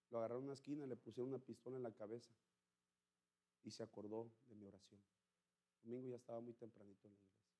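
A male pastor preaching a sermon with fervor. He moves between quiet asides and loud outbursts and jokes bluntly with his congregation. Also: medium pitch. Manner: fervent preaching, swinging from quiet to shouting.

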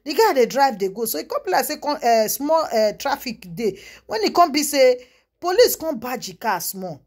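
A woman with a Nigerian Pidgin accent talks straight to her viewers, spilling gossip with loud exclamations and repeated asides. Her voice sits a little high for a woman. She keeps calling back to her audience as she goes. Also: very animated, moderate pace. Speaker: vlogger. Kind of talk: casual gossip commentary.

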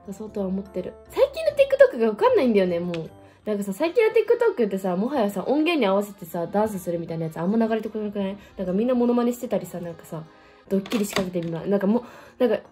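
A woman's voice: mid-range voice, warm tone. Chatty young woman rambling to camera. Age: about 20. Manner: rambling, chatty, with frequent fillers; playful self-mocking asides. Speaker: vlogger. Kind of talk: casual solo chat to camera.

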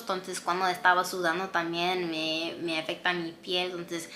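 A woman's voice: medium pitch, sharp tone. A young woman vlogger telling a candid personal story, mixing in English words. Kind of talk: storytime narration.

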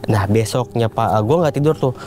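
A young man recounts a story in relaxed street slang. His voice is mellow and sits at a middle pitch, and he jumps into the quoted voices of the people in the tale. A faint hiss of room noise stays underneath him. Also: a little fast. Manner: animated retelling in casual Jakarta slang, acts out quoted voices. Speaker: guest storyteller. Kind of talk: casual storytelling.

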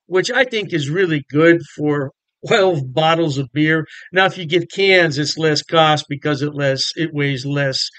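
A man's voice: on the high side, a bit bright, clear, resonant tone, no echo, rough recording. An older American man chatting to the camera about beer from his home bar room, folksy and enthusiastic. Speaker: beer vlogger. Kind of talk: casual talk to camera.

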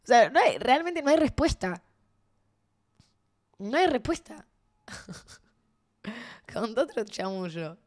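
Woman, young adult, Rioplatense Spanish accent, streamer, animated storyteller, lively swooping pitch, slightly high voice. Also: takes it slowly, long pauses. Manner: animated storyteller, bursts of laughter and exclamations. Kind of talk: casual chat with viewers.

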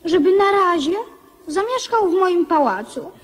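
A woman's voice: extremely high pitch, animated, a little slow. An actress playing an earnest, resolute young boy king in a radio drama, with a solemn, declarative manner. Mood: formal, composed.

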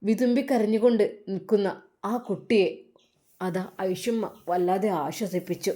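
A woman's voice: medium pitch, moderate pace, mellow. Emotional woman telling a religious story. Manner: emotional, exclaiming. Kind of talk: dramatic religious story narration.

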